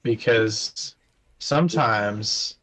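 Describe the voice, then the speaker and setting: A man's voice: fairly low pitch, drawn-out words, a bit bright, poor audio. A man playing in an online tabletop game, chatting casually and teasing the others. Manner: teasing, joking. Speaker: player.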